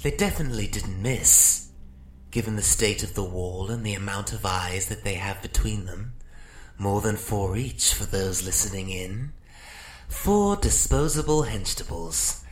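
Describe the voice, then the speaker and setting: A man narrates an audio drama as a sardonic, theatrical psychic magic-user, full of wry mock politeness and a boastful mood. His voice is lowish, expressive and measured, recorded with a roomy echo and faint noise.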